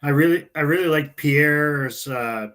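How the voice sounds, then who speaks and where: A man co-hosting a casual political podcast, talking in halting phrases full of fillers. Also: on the high side, a bit bright. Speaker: podcast co-host.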